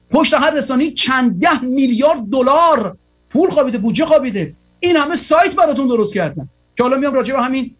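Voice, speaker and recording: A man's voice: very high voice, fairly bright tone. A tired man hosting a political broadcast, giving a fervent, rallying monologue full of repeated exhortations.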